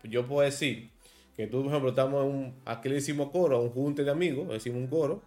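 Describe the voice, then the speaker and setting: A Dominican man in his thirties from Santo Domingo hosts a relaxed streamed interview, laughing as he explains local slang. His medium-pitched voice moves fast, and soft music plays in the background.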